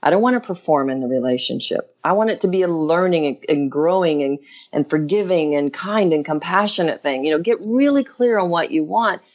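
A woman's voice: low voice, lively intonation, a little fast, a little mellow. A woman in her fifties talks like a self-help coach in an interview. She is earnest and instructive, often posing questions to the listener. The audio is somewhat dull and lo-fi. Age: 50s. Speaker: interview guest, relationship and spiritual coach. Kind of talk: conversational self-help talk.

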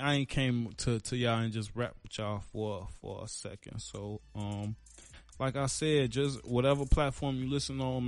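A man hosting his own podcast, talking casually in a rambling, laid-back way with lots of fillers and slang, a little out of breath. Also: mid-range voice. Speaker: podcast host. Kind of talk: casual solo podcast outro.

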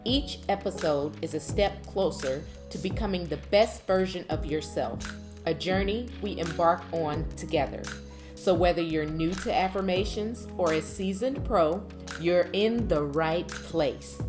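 A woman hosting a podcast as an affirmation coach, reading scripted motivational narration in an earnest, encouraging, measured way. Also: on the low side, over music.

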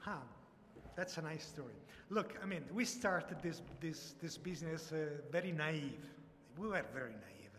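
A man's voice: on the high side, expressive, measured pace, fairly bright tone. A man with an Italian accent, a native Italian speaker, giving an informal talk to an audience, telling a story hesitantly and repeating words as he goes. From Italy. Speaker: conference speaker, software founder. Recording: echoey hall with background noise.

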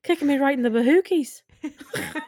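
A sassy young heroine who scolds with mock indignation, as a woman puts her on while retelling a film. The voice sits a little high and carries a playful bite. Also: normal speed, a little mellow, dry recording, clean studio sound, close to an everyday voice. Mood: mock scolding.

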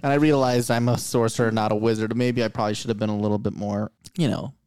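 A man playing a tabletop game, excitable and rambling, often laughing mid-sentence. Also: lowish voice, fast, clean tone, dry recording, clean studio sound. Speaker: player. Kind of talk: casual tabletop play.

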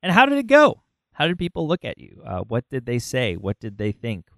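A man hosting a podcast, talking conversationally with halting phrasing and repeated words. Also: mid-range voice, huge pitch swings, gravelly, fairly bright tone, no echo, clean studio sound. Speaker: podcast host. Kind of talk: conversational podcast intro and interviewing.

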